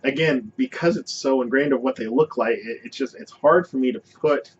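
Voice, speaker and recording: A man's voice: mid-range voice, moderate pace, a little hiss or hum. A man co-hosting a podcast, chatting casually in an agreeable, laid-back way with stammering restarts. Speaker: podcast co-host. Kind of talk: casual chat. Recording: distant, dull lo-fi mic.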